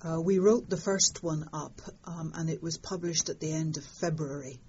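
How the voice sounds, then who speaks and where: An older woman talks through a discovery in a relaxed interview, wry and vivid. Her voice sits low and sounds husky. The recording is somewhat dull and lo-fi. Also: moderate pace. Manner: lively storytelling, fond of understatement. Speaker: interviewed astronomer. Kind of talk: conversational interview.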